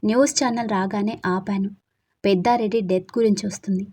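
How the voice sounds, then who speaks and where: A woman's voice: mid-range voice, fairly even intonation, brisk, warm tone. Brief: female storyteller, first-person audio drama narration, emotional and confiding.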